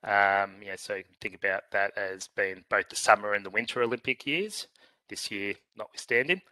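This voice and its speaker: A man with a croaky, hoarse voice giving a meeting presentation, halting with many fillers and restarts. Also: on the low side, pushed and bright, dry recording, low-quality recording. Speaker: presenter filling in for a scientist. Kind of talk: meeting presentation over a call.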